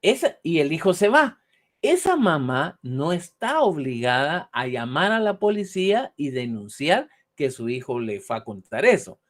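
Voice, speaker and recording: A male law lecturer, speaking in a fairly high, very lively voice. He explains cases in an animated way and checks in with his students as he goes. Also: measured pace. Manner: animated, acts out short example dialogues; ends points with a questioning "¿verdad?". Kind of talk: online university lecture.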